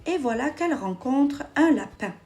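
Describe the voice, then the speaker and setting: A woman reading a children's tale aloud with expressive delivery, doing the voices of the animals. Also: high voice, normal speed. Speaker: storyteller. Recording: soft music behind.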